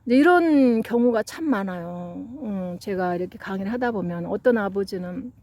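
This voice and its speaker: A middle-aged woman lecturing on psychology and parenting in a mellow, darker tone. She tells her stories earnestly and acts out the quoted parents and children. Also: mid-range voice, animated, normal speed. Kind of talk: lecture with anecdotes.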